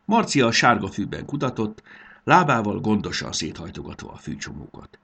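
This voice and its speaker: Gravelly, animated male storyteller. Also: on the low side. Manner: expressive, animated reading. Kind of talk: scripted storybook narration.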